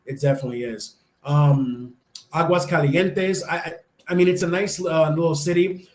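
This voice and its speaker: Recorded in an echoey room, this young American man talks at normal speed in a slightly high, darkish voice with a steady tone. He's an eager interview guest in a casual chat, using lots of fillers and restarting often.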